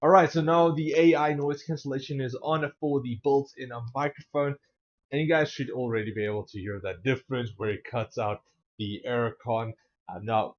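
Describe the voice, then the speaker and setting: A man talks casually through a gaming headset mic, his voice squeezed and a little warbly from AI noise cancellation. The sound is dull and lo-fi, with a few fillers as he explains. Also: mid-range voice. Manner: relaxed, explanatory, many fillers. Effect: AI noise cancellation artifacts on a headset mic. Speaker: tech reviewer. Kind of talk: casual product review. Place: home room with air conditioner running. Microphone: gaming headset microphone.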